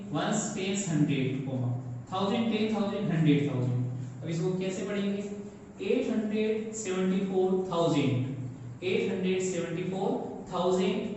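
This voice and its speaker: High-voiced man teaching in an echoey room. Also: darkish tone, distant mic, a little hiss or hum. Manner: slow, repetitive counting of place values. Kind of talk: classroom math lesson.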